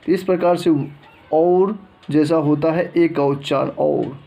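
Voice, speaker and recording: A man's voice: fairly high pitch, fairly even intonation, unhurried, vocal fry, dark tone. A man teaching English letter pronunciation, reading word lists one by one and often restarting his phrases. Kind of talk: explaining a lesson.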